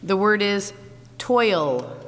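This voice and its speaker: Slow, measured woman announcing spelling words. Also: mid-range voice. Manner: measured, even, precise diction. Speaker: spelling bee pronouncer. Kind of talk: formal word announcing. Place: large school hall. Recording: echoey hall, loud crowd noise.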